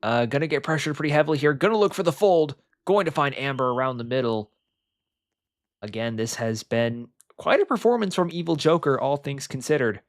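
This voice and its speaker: Young man, play-by-play commentator, excitable, rambling with fillers, mid-pitched, dry close sound. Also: fairly quick, no room sound. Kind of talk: live game commentary.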